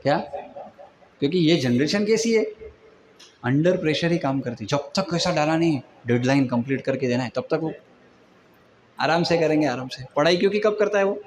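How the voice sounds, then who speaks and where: Guy preaching casually, slightly high voice, does little voices for people, bit of hiss behind. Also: normal speed, pauses often. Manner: conversational, acts out quoted people. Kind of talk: Hindi devotional lecture.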